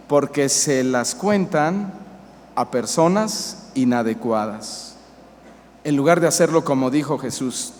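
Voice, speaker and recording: Un predicador mexicano en pleno sermón, insistente y cercano, que interpela a los hermanos. Voz ligeramente alta que se alarga en el eco del salón, con un tenue ruido constante detrás. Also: male voice, a little high, darkish tone. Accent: Mexican Spanish. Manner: emphatic, asks the congregation questions. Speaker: pastor. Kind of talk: sermon. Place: church hall. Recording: reverberant church hall, faint hiss.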